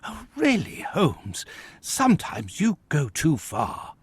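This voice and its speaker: A man voicing a proper, fussy gentleman doctor and detective's companion in a video game, with a British accent and a husky voice. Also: a little high, huge pitch swings, slow pace, slight background noise, full character voice. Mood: indignant. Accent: British English. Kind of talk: dramatic video game voice acting.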